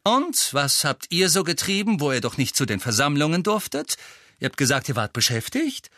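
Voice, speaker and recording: A man voicing an angry, resentful teenage boy wizard in a storybook reading, shouting and sarcastic. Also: a little high, sing-song, moderate pace, no room sound, studio quality, voice pushed up. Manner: furious, sarcastic outbursts.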